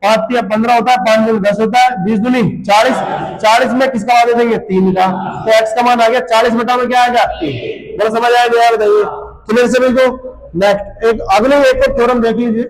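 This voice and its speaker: A man with a very high voice teaches maths in a classroom, drilling students with quick questions and calling out the answers loudly. His voice rings with a long reverb around the room. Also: fairly even intonation. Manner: quizzes the class in call-and-response, often shouting answers. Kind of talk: classroom lecture.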